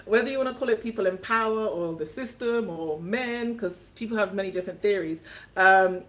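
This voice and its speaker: A woman's voice: mid-range voice, a little fast, a bit bright, poor audio. A young woman chatting casually on a live stream, rambling and answering viewer comments as they come in. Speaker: spiritual vlogger doing a live stream.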